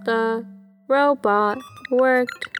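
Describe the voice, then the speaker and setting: A woman voicing a tired, overworked robot in a children's story, speaking slowly and stiffly. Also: on the high side, steady tone, faint music behind. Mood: weary.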